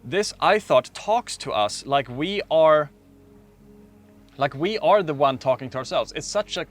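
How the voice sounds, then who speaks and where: A man speaking as a meditation teacher, guiding a slow, calm meditation with long pauses. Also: on the high side, faint music behind. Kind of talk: guided meditation talk.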